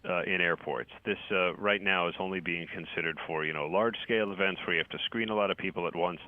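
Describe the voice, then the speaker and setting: A man with a very deep voice comes through a thin, phone-like line. He is a news correspondent answering questions on the radio. He often stops and restarts his sentences. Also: dry recording. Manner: halting, many restarts. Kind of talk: radio interview.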